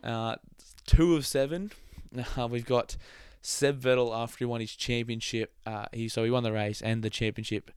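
A man's voice: medium pitch, fairly even intonation, normal speed, few pauses, clear, resonant tone, dry recording. A young man hosting a casual motorsport podcast, chatty, laughing often and trailing off mid-thought. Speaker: podcast host.

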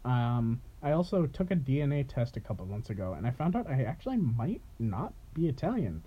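A man's voice: medium pitch, sing-song, fairly quick, slightly rough. A man co-hosting a casual podcast chat, joking, teasing and swearing freely. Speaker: podcast co-host. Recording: dull lo-fi sound.

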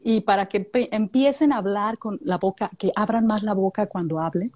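A woman chatting casually about speaking skills, lively and acting out little voices as examples. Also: mid-range voice, normal speed. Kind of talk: casual chat giving speaking tips.

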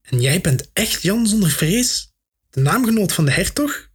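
A man's voice: high-pitched, sing-song, a little slow, breathy edge, pitched above the performer's own voice, heavily acted. Man doing a jittery young clerk, Hendrik. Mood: hesitant. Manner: hesitant, gloomy. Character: young thin nervous male clerk.

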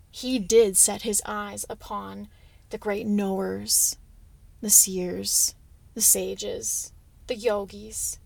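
A woman telling a story aloud on a podcast, with dramatic pauses and casual asides. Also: mid-range voice, vocal fry, a little mellow, no room sound. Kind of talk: oral storytelling.

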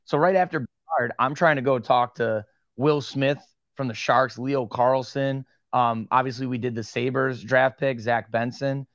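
A man's voice: medium pitch, no echo, lo-fi sound. A young man with a Western New York accent, telling stories as a guest in a casual interview. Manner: animated storyteller, quick asides. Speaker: podcast guest, sports card media host.

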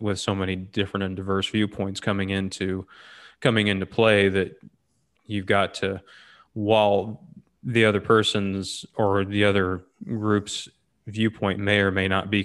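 Male interview host with a lowish voice, a rambling, thoughtful questioner. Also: a bit bright. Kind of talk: casual interview.

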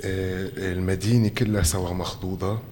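Deep-voiced man with a Lebanese Levantine Arabic accent. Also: fairly even intonation, brisk, warm tone. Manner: emphatic, repeating phrases. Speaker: election candidate being interviewed. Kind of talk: political interview talk. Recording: reverberant room, faint background noise.

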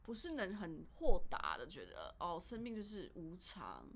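A woman co-hosting a podcast in a casual, heartfelt chat with a Taiwanese Mandarin accent, halting and repeating words as she speaks. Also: lowish voice, wildly swooping pitch, creaky. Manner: emotional, halting, repeats words when upset. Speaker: podcast co-host.

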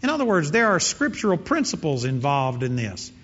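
A man's voice: fairly high pitch, sing-song, fairly quick, fairly bright tone. A man preaching a sermon in an earnest, emphatic way, repeating his key phrases. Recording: dull sound in a reverberant hall.

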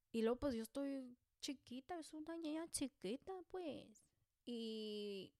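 A woman's voice: medium pitch, darkish tone, smooth, dry recording, studio quality. A woman with a Mexican accent, a mother telling a personal story to camera in a casual, joking and self-deprecating way, full of slang.

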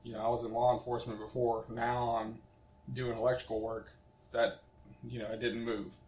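A man's voice: mid-range voice, monotone, normal speed, darkish tone. A man in his twenties co-hosting a casual podcast, rambling with lots of fillers. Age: 20s. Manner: rambling, filler-heavy, laughs easily. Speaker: podcast co-host. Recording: echoey room.

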